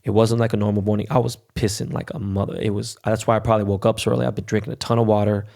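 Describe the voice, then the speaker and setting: A man's voice: fairly low pitch, flat delivery, racing, vocal fry, a little mellow. A middle-aged man hosting a podcast solo, telling personal stories in a casual, slangy, profanity-laced way. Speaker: podcast host.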